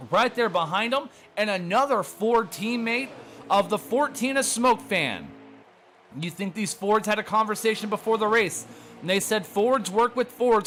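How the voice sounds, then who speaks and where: A man calls a sim race in rapid, excited play-by-play and says he is out of breath keeping up with the action. His voice sits very high for a man. Faint music plays behind him. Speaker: race commentator. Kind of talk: play-by-play sim racing commentary.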